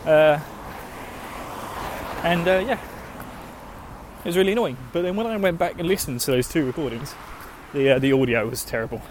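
Essex guy w/ estuary accent, bit higher voice, lazy slurry diction, rambling sweary jokey chat, noisy outdoor phone recording. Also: moderate pace, long pauses. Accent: Essex, Estuary English. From Essex, England. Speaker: host of a gaming let's play show. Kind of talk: casual chat, rambling to listeners. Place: outdoors, walking, urban surroundings. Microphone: handheld phone.

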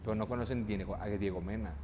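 A man's voice: on the low side, fairly even intonation, quick pace. Mexican man, podcast guest, slangy and profane, medium voice, recorded with reverb and faint noise. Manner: slangy, swears freely, ends phrases with "güey". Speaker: guest, business owner. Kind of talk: casual podcast chat.

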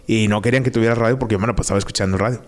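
A man's voice: lowish voice, rapid-fire. Slangy man from Monterrey telling stories. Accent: northern Mexican, Monterrey. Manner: slangy, animated, acts out quotes. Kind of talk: casual storytelling.

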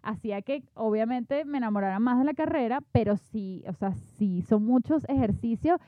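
Woman, venezuelan accent, casual chat, slightly high voice, lo-fi sound. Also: lively intonation, moderate pace, no echo. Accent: Venezuelan Spanish. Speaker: actress, guest. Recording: muffled lo-fi, dry sound.

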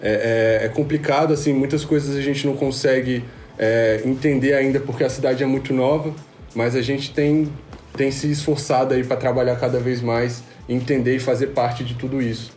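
A man in his twenties from Rio de Janeiro, a podcast guest telling his story in relaxed, slangy casual chat. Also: medium pitch, normal speed, faint music behind. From Rio de Janeiro, Brazil. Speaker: podcast guest, music producer. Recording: roomy, faint background noise.

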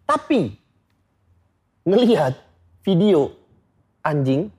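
Lively-voiced man telling stories. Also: a little high, very slow, breathy edge. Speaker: comedian, podcast guest. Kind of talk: casual chat.

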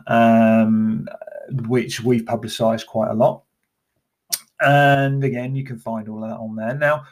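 A man's voice: mid-range voice, darkish tone. Chatty middle-aged man with frequent ums. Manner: conversational, with frequent ums and uhs and restarts. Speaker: blogger and podcaster in the golf turf industry. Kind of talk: casual spoken monologue, then reading an article aloud.

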